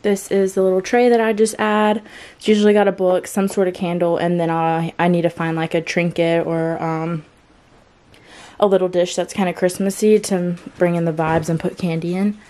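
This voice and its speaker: A lifestyle vlogger chats casually from a guest bedroom at home, full of filler words, nursing a sore throat with a cough drop in her mouth. Her lowish voice is level, warm, and at normal speed. The recording quality is low.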